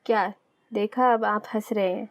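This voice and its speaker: A pouting young wife who sulks like a child speaks in a steady, even tone, as a woman narrator reads her. The delivery stays plain and near the reader's own voice. It suits a romance novel read aloud. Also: mid-range voice, no room sound, close to an everyday voice. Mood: tearful, sulky. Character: sulky, teary young wife, afraid of the dark.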